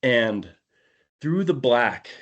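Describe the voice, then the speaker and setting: A man hosting a podcast, telling a hunting story in a casual, animated way and laughing often. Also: mid-range voice, very slow, muffled recording. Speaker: podcast host.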